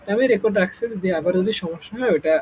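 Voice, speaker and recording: A man's voice: high-pitched, very fast, darkish tone, a little hiss or hum, poor audio. A man teaching English in a casual online lesson, explaining step by step and often checking whether the students follow.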